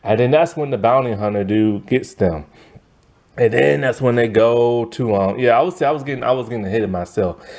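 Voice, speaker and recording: A man's voice: mid-range voice, a little fast, darkish tone. A young man casually recapping a TV episode in a loose, slangy, exasperated way, full of fillers and restarts. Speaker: TV episode reviewer.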